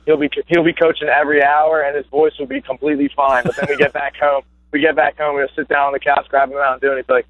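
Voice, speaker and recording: With hardly any pauses, a young adult guest who played high school basketball rattles along fast in a casual phone interview, eager and full of fillers and restarts. His voice is on the high side with little pitch movement, heard over a tinny phone line without echo.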